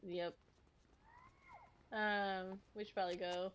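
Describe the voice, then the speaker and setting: A woman playing a shooter game with friends, giving calm, matter-of-fact callouts and casual chat. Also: medium pitch, slow pace, a little hiss or hum. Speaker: co-streamer.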